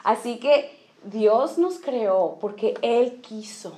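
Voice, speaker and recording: A woman's voice: fairly high pitch, lively intonation, slow pace, warm tone. A woman giving an informal church talk to women, often checking in with the audience, dropping in English phrases and acting out small scenes. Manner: acts out little quoted scenes. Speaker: speaker at a women's church gathering.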